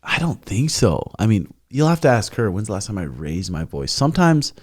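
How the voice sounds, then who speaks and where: A man's voice: fairly low pitch, very animated, normal speed, dry recording, studio quality. A young man hosting a casual podcast, laid-back and crude, swearing freely. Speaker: podcast host.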